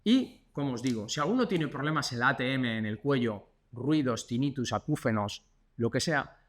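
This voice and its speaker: A man's voice: mid-range voice, lively intonation, moderate pace, a crowd in the background. A man with a Spanish accent from Spain, working as a physiotherapist, demonstrating exercises in a chatty, instructive way and counting the repetitions aloud.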